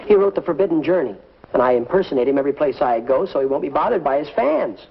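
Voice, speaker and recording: A man's voice: fairly high pitch, lively intonation, fast talker, creaky, slightly rough, heavily acted. An actor playing an eager young American man who stammers and puts on a bad fake French accent in a 1950s sitcom. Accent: fake French put on over American. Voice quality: hesitant, stammering, comic. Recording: dull 1950s TV soundtrack with noise.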